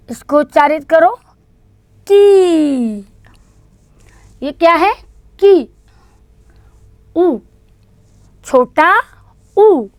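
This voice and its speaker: In an online lesson on Hindi vowel signs, a woman teaches kindergarten children, patiently repeating each sound for them to say back. Her voice is high, and the studio-quality recording has no echo.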